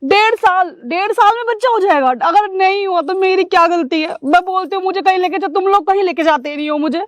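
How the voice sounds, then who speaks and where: A woman's voice: extremely high pitch, fast, no echo. A woman acting a distressed young wife in a staged family drama, pleading and accusing. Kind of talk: scripted social drama acting.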